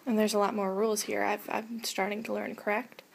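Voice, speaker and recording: A young woman interviewing someone, asking probing, halting questions. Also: medium pitch, flat delivery, creaky, a little hiss or hum. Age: young adult. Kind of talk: mock street interview.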